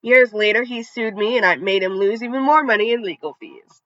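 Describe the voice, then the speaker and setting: A story channel narrator reads online revenge stories aloud with casual asides, sometimes tripping over a word and restarting it. The voice is medium-pitched, brisk, bright and forceful. The dry recording has no echo and sounds dull and slightly lo-fi.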